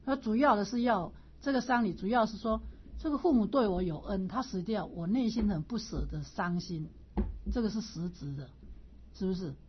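A middle-aged woman teaching as a Buddhist lecturer, telling a family story with lively asides, laughter and frequent questions to her listeners. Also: mid-range voice, normal speed, a little hiss or hum. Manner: animated, asks listeners "是不是", laughs through anecdotes. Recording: dull lo-fi recording.

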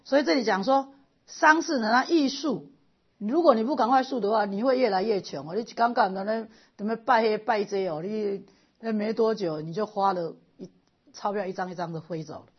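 A middle-aged woman giving a lively, animated storytelling lecture as a Buddhist lay teacher. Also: mid-range voice, a little fast, slightly rough, muffled recording.

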